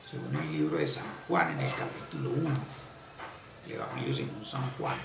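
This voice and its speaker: A man giving an unscripted esoteric religious lecture, halting and repeating phrases as he searches for words. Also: on the low side, big pitch swings, gravelly, distant mic, noisy background. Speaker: esoteric spiritual teacher. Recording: echoey room, voice off-mic, faint ambience.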